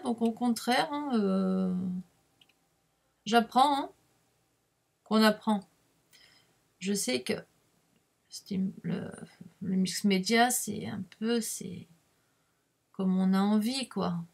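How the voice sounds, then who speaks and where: A middle-aged French-accented woman talks her viewers through a craft project in a relaxed, chatty way. Her voice is somewhat high, with a gravelly, husky texture, and she speaks slowly, filling pauses with little asides and jokes about herself. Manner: chatty, self-deprecating, jokey, many fillers like "hein". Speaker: craft video host. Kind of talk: casual crafting tutorial talk. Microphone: webcam mic at the desk.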